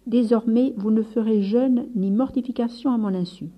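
A woman reading the part of a fervent, gentle male friar who leads his brothers, speaking earnestly with rising urgency. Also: on the high side, normal speed, muffled recording, close to an everyday voice. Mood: earnest, stern.

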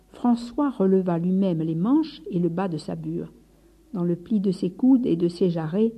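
A woman narrating a read-aloud story in measured tones, at times dropping to near whispers. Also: lowish voice, slightly rough, muffled recording.

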